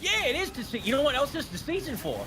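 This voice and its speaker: A man's voice: very high voice, sing-song, fast talker, background noise. A man playing Scout, a brash, cocky young male mercenary who wisecracks and acts mock-offended. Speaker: character guest on charity stream.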